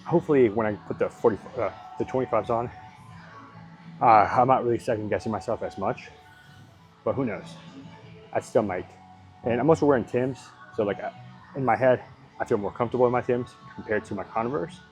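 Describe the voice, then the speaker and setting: A man's voice: medium pitch, fairly quick, soft background music. A man casually talking through his home workout, rambling and thinking aloud, hedging and swearing now and then. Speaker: fitness vlogger.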